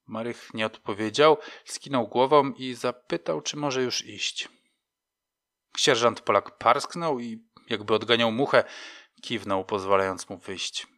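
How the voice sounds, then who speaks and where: Brief: male narrator, bright tone, mid pitch, measured storytelling. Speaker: audiobook narrator. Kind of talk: scripted fiction narration.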